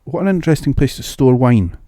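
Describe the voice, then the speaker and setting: A man's voice: mid-range voice, sing-song, fast, dark tone, no echo, clean studio sound. A Scottish man streaming a video game, chatting casually and musing aloud about what he sees. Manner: chatty, muses aloud, restarts words. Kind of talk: casual gameplay commentary. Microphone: new studio mic.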